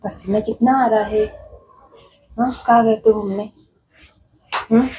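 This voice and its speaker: A woman's voice: fairly high pitch, steady tone, slow pace, a little mellow, a little hiss or hum, poor audio. A young woman in a casual home vlog, pleading over and over and crying as she speaks. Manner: pleading, repeating herself. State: tearful, crying. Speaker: vlogger, wife being pranked.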